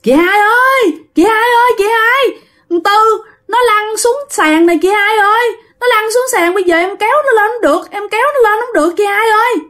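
A woman's voice: very high voice, big pitch swings, fairly quick, fairly bright tone, voice pushed up, heavily acted. A woman with a Southern Vietnamese accent voicing a panicked young mother who keeps calling out frantically for help.

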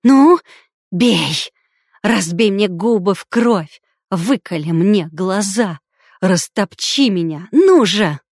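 A woman's voice: a little high, expressive, extremely slow, darkish tone, no room sound, exaggerated voice. A woman reader voicing a hysterical young woman who screams and hisses in frantic outbursts, recorded on a close, dry mic.

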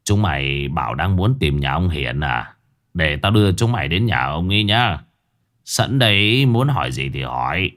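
A man voicing a gruff, blunt older village man who scolds and lectures. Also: low voice, expressive, moderate pace, fairly bright tone, voice pushed down. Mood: gruff lecturing. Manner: rough, scolding, calls listeners "chúng mày".

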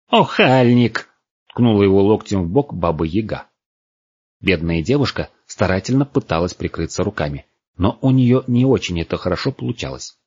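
A man reading a fantasy story aloud as narrator, with expressive delivery, in a dull, dry recording. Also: sits low, breathy edge, dry recording. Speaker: audiobook narrator. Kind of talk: scripted narration.

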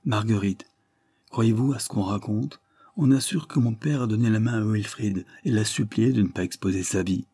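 A man's voice: lowish voice, moderate pace, dark tone, dry recording. A man reading the lines of an anxious, tender-hearted young woman in an audiobook novel, lifting his voice for her.

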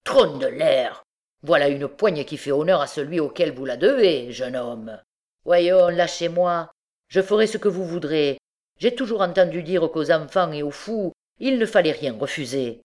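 Sly old bandit beggar, mocking, jaunty, loud, voiced by a woman reader. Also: deep voice, expressive, measured pace. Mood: wry.

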